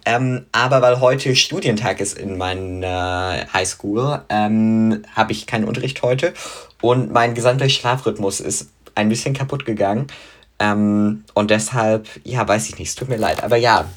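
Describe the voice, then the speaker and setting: A teenage boy talking casually and hesitantly, with many fillers and pauses. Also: fairly low pitch. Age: teens. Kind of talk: casual chat.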